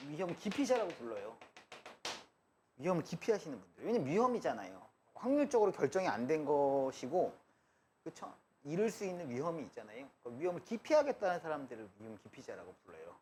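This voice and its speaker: Lively, joking male math teacher. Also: on the high side, fast, slight background noise. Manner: joking, chatty, bouncing between asides and explanation. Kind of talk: live classroom lecture. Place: lecture room.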